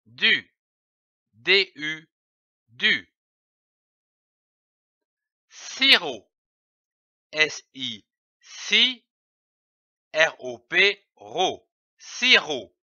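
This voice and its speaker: A man leads a slow reading drill for young children, sounding out every syllable letter by letter. His voice sits high and bright with a very lively sweep of pitch. The recording is dull, dry and lo-fi. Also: no room sound. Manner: deliberate, spells out each syllable letter by letter. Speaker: reading teacher.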